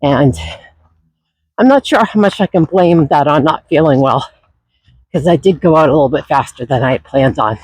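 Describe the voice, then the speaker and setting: A man talking casually and reflectively while out running, his voice breathy and still husky from a recent illness, with sighs and pauses. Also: a little high, animated, dry recording. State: voice not fully recovered from illness, husky. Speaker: running vlogger. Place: outdoors on a trail.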